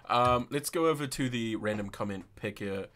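A man's voice: medium pitch, normal speed, background noise. A young man hosting a casual, informal livestream chat. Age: young adult. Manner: informal, sweary. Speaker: host. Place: indoor room, livestream video call.

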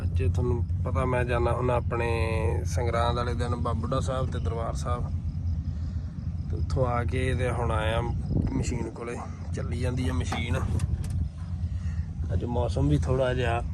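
Outdoor noise from machinery runs clearly behind a Punjabi man with a mid-range voice. He talks like a farm vlogger, casual and folksy, chatting to viewers and calling out to workers in everyday village speech. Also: mid-range voice, monotone, normal speed. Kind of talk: casual vlog chat. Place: outdoors in farm fields beside a running harvester.

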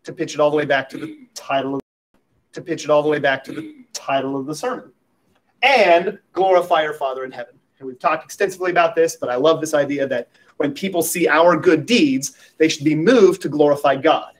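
A man's voice: fairly high pitch, brisk. A man preaching a sermon at a pulpit microphone as pastor, talking in a conversational way with light humorous asides.

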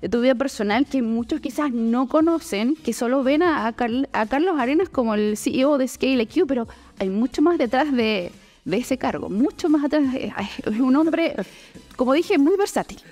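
A Chilean woman in her forties, a journalist hosting a relaxed studio interview, talking in a friendly way with frequent laughs and fillers into a boom mic. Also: normal speed. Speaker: podcast host, journalist. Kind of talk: casual conversational interview. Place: podcast studio office, indoors.

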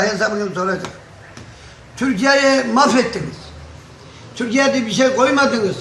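Fiery older man ranting in a high voice. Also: sharp tone, a little hiss or hum. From Turkey. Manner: fiery, insulting, repetitive chanting of lists. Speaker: local villager commenting on politics. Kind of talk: angry political rant. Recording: echoey, crowd audible behind.

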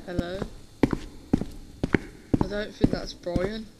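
Scared horror game streamer: slow, uneasy self-talk as casual play commentary, over loud buzzing and clicking. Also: medium pitch, fairly even intonation, heavy background noise.

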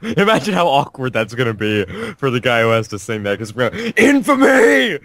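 A man's voice: mid-range voice, sing-song, fairly quick, fairly bright tone, a little hiss or hum. A man co-hosting a podcast in casual chat, joking along with frequent fillers. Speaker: podcast co-host.

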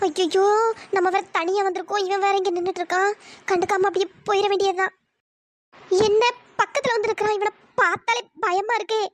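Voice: very high-pitched, fairly even intonation, fairly quick, fairly bright tone, no room sound. A voice performer playing a young female student who firmly scolds a pushy man. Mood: worried. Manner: firm and scolding. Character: young female student, scared then defiant.

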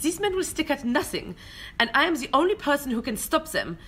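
In an amateur radio play, a woman with a high, fairly bright voice plays a melodramatic foreign secret agent, very animated and brisk, grave and insistent, breaking into German exclamations. The homemade recording carries noticeable noise.

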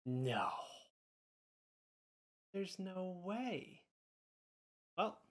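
A man filming a casual home vlog, excitable and bursting into loud disbelief. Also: high voice, very slow. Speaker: video creator.

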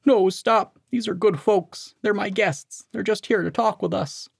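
A man voicing an earnest, simple-minded man who greets people loudly in a hearty, bellowing way. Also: on the high side, animated, moderate pace, no echo, clean studio sound, voice pushed up. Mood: pleading.

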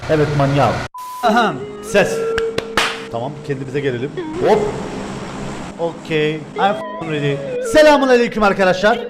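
Excitable high-voiced young gamer man. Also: normal speed, over loud music. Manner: excitable, joking, shouts often. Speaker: gaming streamer. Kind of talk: live gameplay commentary.

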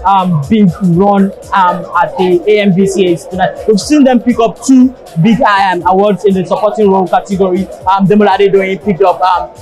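A man's voice: high voice, fairly even intonation, poor audio. A man with a Nigerian accent giving live red carpet updates as a TV reporter, hesitant and repeating himself. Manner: hesitant, repetitive, halting delivery. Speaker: TV entertainment reporter. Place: indoor red carpet backdrop at an awards show. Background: music.

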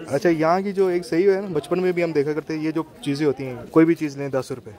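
A travel vlogger strolls a busy hill-town street, casually pointing out shops and food in a fairly high, mellow voice. He talks quickly with fairly even intonation. Passers-by crowd around him, and their noise fills the recording.

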